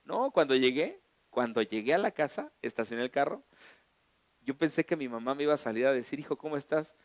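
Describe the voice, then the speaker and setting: A middle-aged Mexican man, a pastor, telling a humorous personal story in a colloquial, animated sermon. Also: medium pitch, brisk, no echo.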